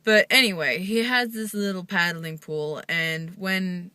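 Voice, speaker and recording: A woman's voice: fairly low pitch, unhurried, sharp tone, smooth, dry recording. A young woman, chatting casually to camera in a rambling, chatty way full of "like". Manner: chatty and rambling, many "like" fillers. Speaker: vlogger. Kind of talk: casual chat.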